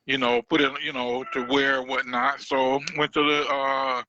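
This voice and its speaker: Bright-voiced man telling his story. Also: medium pitch, little pitch movement, moderate pace, dull audio, a little hiss or hum. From Detroit. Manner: laid-back storytelling with fillers. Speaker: guest. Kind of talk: casual conversation. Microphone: own mic on a call.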